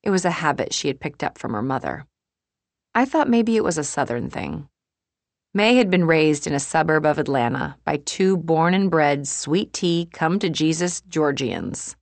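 A woman with a low-pitched voice reads first-person fiction from a script as an audiobook narrator. She is expressive and keeps a moderate pace. The recording is close and dry, with no echo.

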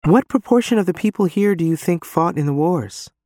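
A man's voice: high voice, lively intonation, a little fast, mellow, dry recording, clean studio sound, pitched above the performer's own voice. A man voicing a guarded but insistent woman war veteran in an audiobook. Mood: frank, guarded. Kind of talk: audiobook character dialogue.

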